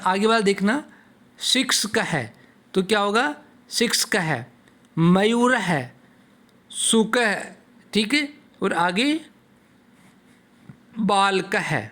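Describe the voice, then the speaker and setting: Guy teaching kids a sanskrit lesson, talks real slow, asks stuff then answers it himself. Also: sits high, animated, a bit bright. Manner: slow, patient, asks and answers own questions.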